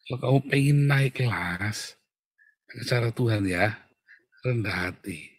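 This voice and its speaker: A man preaching a sermon in a casual, animated way, often calling out to his listeners and acting out little quoted exchanges. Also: unhurried, no room sound. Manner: animated, jumps to loud high exclamations and acted quotes; colloquial, addresses listeners as Saudara. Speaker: pastor.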